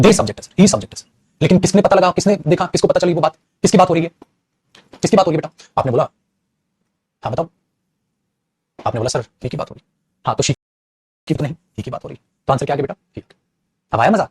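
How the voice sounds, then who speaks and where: A young man teaching English grammar online. He talks very fast in a lively, high voice that swings widely in pitch. His tone is slightly husky, and the recording is dry and close. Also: no echo. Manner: scolding, teasing, mixes Hindi and English. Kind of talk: online exam-prep lecture.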